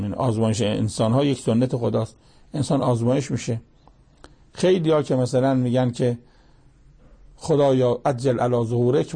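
A man's voice: medium pitch, vocal fry, mellow, husky. A man preaching a sermon, reciting Arabic scripture and pressing his listeners with pointed rhetorical questions.

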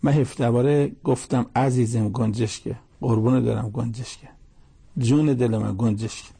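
Preacher doing an old father in a sermon story, tender and reproachful, raspy and gravelly. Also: medium pitch, fairly even intonation, dark tone, heavily acted. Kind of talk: story told within a sermon.

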